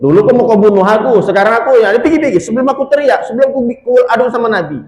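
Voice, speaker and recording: A man's voice: very high voice, very fast, darkish tone, pitched above the performer's own voice. A male preacher voicing a stern older father who threatens and pleads with his daughter. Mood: blustering. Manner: blustering, threatening. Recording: echoey hall.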